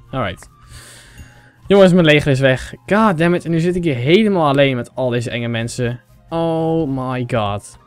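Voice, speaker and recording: Young male gaming host from the Netherlands, slightly higher voice, sore throat, excitable running commentary over faint game music. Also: dry recording. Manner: excitable, mixes English phrases, talks to viewers as 'jongens'. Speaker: gaming YouTuber. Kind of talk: casual Let's Play commentary.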